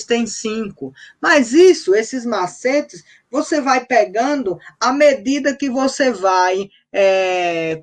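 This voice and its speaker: A man's voice: very high voice, a bit bright. A poet being interviewed on radio, explaining his craft patiently like a teacher. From Bahia, Brazil. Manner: patient, teacherly, counts out examples. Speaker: cordel poet, interview guest. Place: radio studio.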